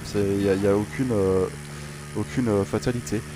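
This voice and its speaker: The voice is lowish with fairly even intonation and a fairly quick pace, with noise in the background from game sounds and music. A gaming channel host, he casually commentates on his racing game, rambling and joking with many fillers and restarts.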